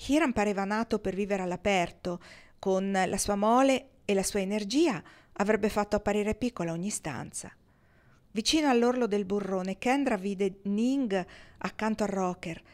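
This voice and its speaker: Woman audiobook reader, mid voice, expressive storytelling. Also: medium pitch, moderate pace. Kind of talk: audiobook narration.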